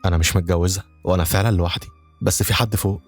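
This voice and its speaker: A man's voice: low voice, steady tone, rapid-fire, husky, faint music behind. A man with an Egyptian Arabic accent reading the lines of a frightened young woman home alone, tense and pleading. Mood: scared.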